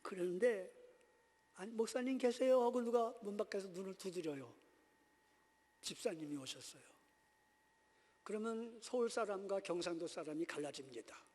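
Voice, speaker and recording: A man from Seoul, a pastor preaching a sermon, telling stories and acting out little scenes, dropping to soft low asides and then rising to loud exhortation. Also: lively intonation, moderate pace, long pauses, big-room sound. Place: church sanctuary.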